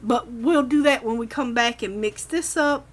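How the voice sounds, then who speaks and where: A woman with a fairly high voice, speaking at normal speed, walks through a craft project in a folksy, casual way. She mutters to herself while working, and a vacuum pump and other machinery run nearby.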